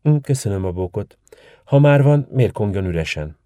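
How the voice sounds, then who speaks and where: Courteous young woman, as a male narrator puts her on, pitched up over a dark voice. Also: expressive, no echo, studio quality, lightly acted. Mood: curious. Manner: courteous and formal. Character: polite, clever young woman.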